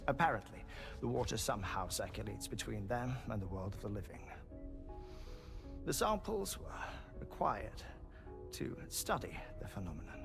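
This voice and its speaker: In a video game cutscene with music behind him, a man voices a genial, ailing, erudite scientist resigned to heartbreak, using a full character voice that's on the low side, sing-song and creaky. His cinematic delivery is formal, wordy and measured, wry and wistful, with soft chuckles and occasional drops to a whisper.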